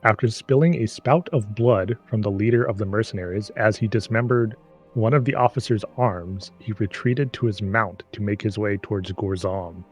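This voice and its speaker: A man's voice: lowish voice, husky, faint music behind. A man co-hosting a live stream, reading a book aloud with sarcastic, swearing commentary. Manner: sarcastic, swears, stumbles and reads haltingly. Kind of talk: comic read-aloud with running commentary.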